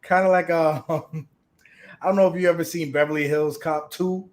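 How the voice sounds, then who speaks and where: A man's voice: on the high side, fairly even intonation, moderate pace. Laid-back man hosting a live chat. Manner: laid-back, slangy, reads viewer comments aloud. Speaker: host. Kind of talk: casual live-stream chat.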